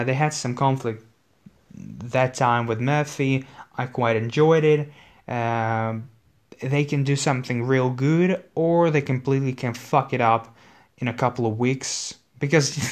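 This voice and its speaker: Hoarse, swearing man ranting slowly. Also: medium pitch. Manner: profane, exasperated, swears constantly. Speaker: wrestling commentator. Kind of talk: ranting casual commentary.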